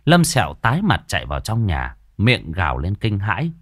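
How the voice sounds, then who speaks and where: Lively male storyteller. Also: lowish voice, brisk, no echo, studio quality. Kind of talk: storytelling narration.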